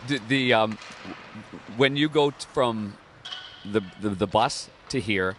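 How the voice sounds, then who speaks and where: Halting male interviewer, faint street noise. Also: fairly low pitch, a bit bright. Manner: halting, stumbling starts to questions. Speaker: interviewer, broadcaster. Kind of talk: casual interview questions.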